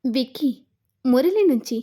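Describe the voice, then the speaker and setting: A woman retelling a TV serial episode as a storyteller, in a steady recounting manner. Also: sits high, a little slow.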